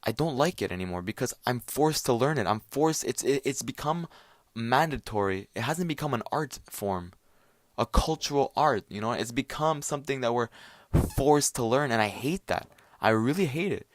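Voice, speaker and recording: A young adult from Quebec, Canada hosts his own solo podcast, ranting casually with heavy swearing, rambling, fillers and restarts. His mid-range voice is expressive at normal speed, recorded with clean studio sound and no echo.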